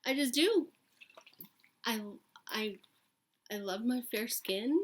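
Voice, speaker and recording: A woman in her late thirties chatting casually and candidly to camera, rambling and emphatic, with a raspy voice like a longtime smoker's. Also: on the high side, animated, slow. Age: late thirties, almost forty. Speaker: vlogger talking to camera.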